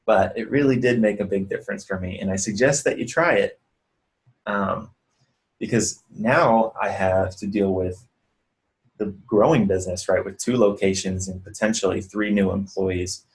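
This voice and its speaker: On a low-quality recording, a man speaking in a voice on the low side shares earnest, conversational advice. He's a physical therapist and clinic owner, walking viewers through breathing in a casual vlog.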